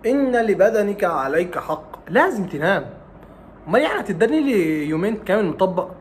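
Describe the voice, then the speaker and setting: A man's voice: sits high, sing-song, fairly quick, slight background noise. A young man with an Egyptian Arabic accent giving study advice in a casual vlog, teasing and scolding like a big brother with lots of rhetorical questions. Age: young adult.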